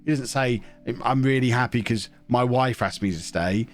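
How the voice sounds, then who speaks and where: Soft background music plays as a man with a mid-range voice talks at a moderate pace. He's a joking, chatty live streamer reading out viewer messages and humming while he plays a football management game, his nose slightly blocked.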